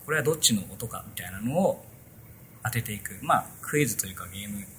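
A man's voice: lowish voice, expressive, fast talker, background noise. A man hosting a casual tech podcast, chatting loosely through a sponsor spot with many fillers. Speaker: podcast host.

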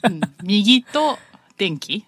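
A woman chatting casually as a podcast co-host, telling animated stories and laughing often. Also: mid-range voice, drawn-out words, breathy edge, no echo, clean studio sound. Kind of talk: casual chat.

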